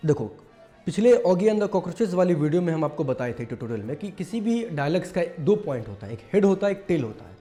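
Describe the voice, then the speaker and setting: A man's voice: a little high, sing-song, fairly quick, dark tone, faint music behind. A man casually teaching mimicry, explaining step by step with lots of fillers. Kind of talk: casual tutorial talk.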